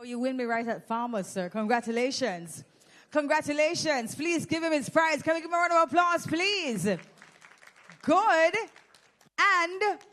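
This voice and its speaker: A woman's voice: high voice, fairly bright tone. A Jamaican woman hosting an event, teasing and chatting with the audience into a handheld mic. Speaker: event host. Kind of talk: lively emcee banter with audience. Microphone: handheld microphone.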